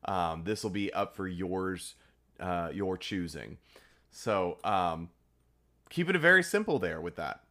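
A man co-hosting a casual geeky discussion in a jokey, excitable way. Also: low-pitched. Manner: jokey, excitable, quick to laugh. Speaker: podcast co-host.

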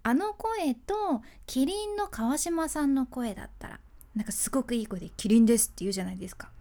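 A woman's voice: high voice, animated, brisk, darkish tone. A woman hosting a casual solo talk on speaking tips, speaking with a Kyushu dialect, chatty, laughing often and mixing polite speech with dialect. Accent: Kyushu dialect (Hakata-ben). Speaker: freelance announcer, podcast host.

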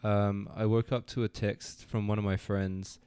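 Young New Zealand-born man, relaxed and low. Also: normal speed, clear, resonant tone, no echo. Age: young adult. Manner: relaxed, easygoing storyteller with fillers. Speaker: guest. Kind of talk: casual interview.

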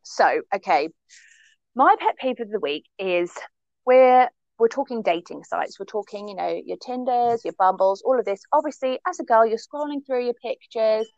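A woman's voice: a little high, moderate pace, darkish tone, no room sound. A woman co-hosting a podcast in casual chat, talking with emphatic, laughing energy. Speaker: podcast co-host. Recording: dull, dry sound.

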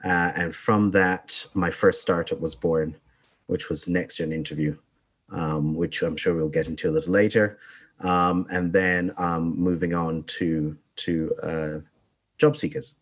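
A young man in his twenties from Barbados talks as a podcast guest. His voice sits very low. He pauses often with ums and restarts his sentences. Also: steady tone. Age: 20s. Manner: hesitant, many ums and restarts. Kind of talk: casual interview talk.

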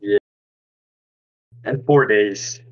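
A man's voice: on the low side, very slow. A man in casual sports chat whose voice sounds muffled, as if he is talking into a pillow or a fan, rambling loosely with fillers. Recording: dull, muffled lo-fi mic.

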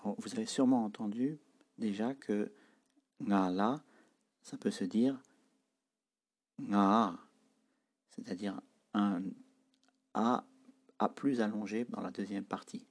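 Slow husky guy teaching tones, says each word then repeats it, low voice. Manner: models words and tones in isolation, then repeats them; explains pronunciation patiently. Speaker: Tibetan language teacher. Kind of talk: slow spoken language lesson.

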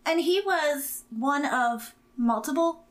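A woman's voice: high-pitched, lively intonation, slow. A woman co-hosting a casual true-crime podcast, reading from her notes with giggly asides. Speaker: podcast co-host presenting the research.

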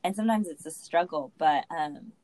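A woman hosting a podcast in casual chat, her voice groggy and rough, talking in an encouraging, chatty way. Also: low-pitched, moderate pace, a little mellow. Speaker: podcast host.

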